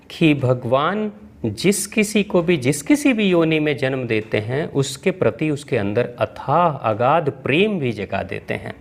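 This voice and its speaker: A man's voice: on the high side, full character voice. A man voicing a humbled old guru reborn. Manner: earnest, reflective confession.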